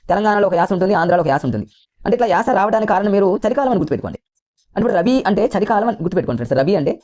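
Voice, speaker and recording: A man's voice: high-pitched, darkish tone. A man teaching an exam coaching lesson with a Telugu accent, repeating points and calling his listeners friends. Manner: rapid, repetitive, keeps addressing listeners as friends.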